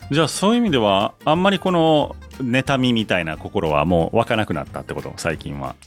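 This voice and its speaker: A man's voice: on the low side, lively intonation, fairly quick, faint music behind. A man in his forties with a Kansai accent, hosting a show with casual chat and reading out listener letters. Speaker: radio DJ and podcast host.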